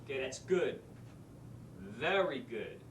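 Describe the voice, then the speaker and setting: Guy playing a new wiseguy teacher, cocky streetwise stage monologue, distant mic, faint rumble. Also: takes it slowly, roomy sound. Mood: wisecracking. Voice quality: wisecracking, streetwise, animated. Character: brash male New York street-smarts teacher. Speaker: actor in a drama school showcase monologue. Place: theater stage.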